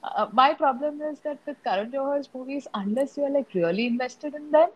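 A woman's voice: sits high, a little fast, muffled recording. A woman with an Indian accent in casual, opinionated conversation about films, as a co-host. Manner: opinionated, switches between English and Hindi. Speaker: podcast co-host discussing films. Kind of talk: casual conversational film discussion.

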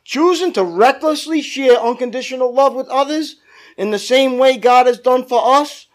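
High-pitched male preacher giving a sermon. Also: normal speed. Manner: calls for amens from listeners. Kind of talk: church sermon.

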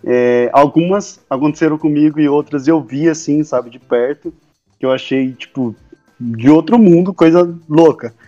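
A man with a Brazilian Portuguese accent, telling a story in casual chat, relaxed and rambling with many fillers. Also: fairly high pitch, normal speed, muffled recording, soft background music. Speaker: podcast co-host.

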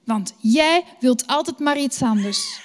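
A sharp-tongued storybook wolf, played by a woman with a high, scolding voice. A long hall reverb rings behind it. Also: huge pitch swings, slow, heavily acted. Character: sharp, blaming, grumbling wolf.

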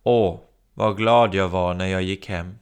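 A man's voice: sits low, steady tone, clean tone. A man preaching a sermon, telling stories and acting out the voices in them. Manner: storytelling, acting out quoted voices.

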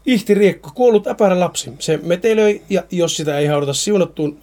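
A man's voice: high voice, animated, darkish tone, pitched above the performer's own voice. A man voicing a stern, superstitious older farm matriarch who speaks urgently in a raised voice. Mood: alarmed urgent.

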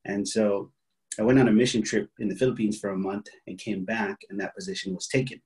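A man's voice: on the low side, steady tone, a little fast, a little mellow, poor audio. A man in his thirties from Hawaii, telling his story as an interview guest in an easygoing way with many fillers. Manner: easygoing storytelling with frequent "um" and "you know". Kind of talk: casual interview.

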